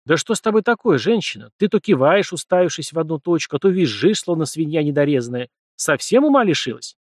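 A man's voice: on the high side, sing-song, fast talker, darkish tone, dry recording, clean studio sound, pitched above the performer's own voice. A man voicing a fierce young female warrior who speaks harshly and scornfully.

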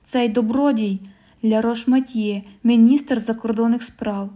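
A woman's voice: a little high, steady tone, a little slow, warm tone. A woman reading as a sneering, hot-tempered husband. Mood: scornful. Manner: sneering and scornful.

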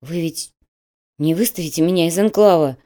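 A woman voicing a timid young orphan man who speaks quietly and shyly. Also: lowish voice, moderate pace, lightly acted. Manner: quiet, shy.

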